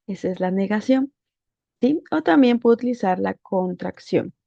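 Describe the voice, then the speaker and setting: A woman's voice: medium pitch, lively intonation, normal speed, gravelly, dark tone, no room sound, dull audio. A woman teaching English grammar, patiently walking through a worksheet and often checking with rhetorical questions.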